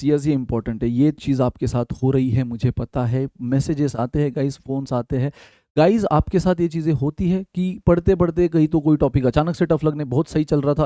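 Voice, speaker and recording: A man's voice: a little high, mellow, no echo. A young man, an exam prep teacher, giving casual, direct motivational study advice and addressing viewers as guys. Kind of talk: motivational study-tips talk.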